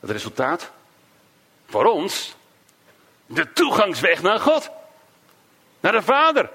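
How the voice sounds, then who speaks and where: A male preacher delivers an emotive sermon. His fairly high voice swings widely in pitch, climbing on key words and sinking into hushed, low phrases. Quoted cries come slow and drawn out. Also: huge pitch swings, breathy edge.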